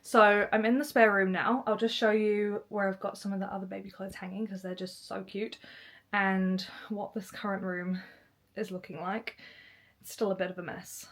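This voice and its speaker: A woman's voice: medium pitch, little pitch movement, moderate pace, a bit bright. A young woman, chatting casually through a home vlog, bubbly and filled with "like". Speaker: vlogger. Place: at home indoors.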